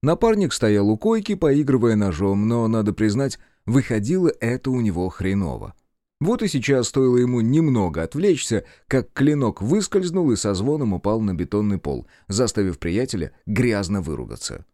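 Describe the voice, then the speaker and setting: Low-voiced male narrator, lively delivery, dry close sound, first-person audiobook. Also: moderate pace, dry recording.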